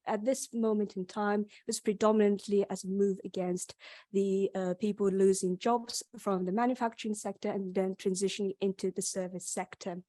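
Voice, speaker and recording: A young Yorkshire-accented woman, a PhD student, gives an academic conference presentation, sounding hesitant with frequent ums and restarts. Her mid-range voice is mellow, with fairly even intonation at a moderate pace, and there's no room sound.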